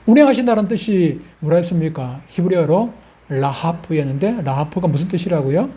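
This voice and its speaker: A man's voice: on the high side, animated, a little fast, mellow. An older man, a pastor with a Gyeongsang accent, preaching a sermon in a folksy way and putting questions to the congregation. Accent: Gyeongsang Korean.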